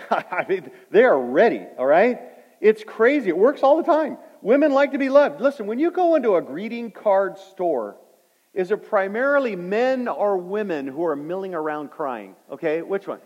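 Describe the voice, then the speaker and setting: Middle-aged guy preaching, high voice, muffled lo-fi sound in a big reverby church. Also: very animated, moderate pace. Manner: swings from loud emphatic preaching to quiet storytelling. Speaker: pastor. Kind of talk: sermon. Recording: dull lo-fi sound with hall reverb.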